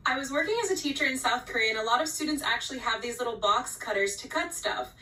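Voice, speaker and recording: A woman from Los Angeles telling a short story to camera in a quick, animated way, acting out the quotes she retells. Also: fairly high pitch. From Los Angeles, United States. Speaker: clip storyteller. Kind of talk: casual short-video storytelling. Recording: roomy phone video from a distance, faint ambience.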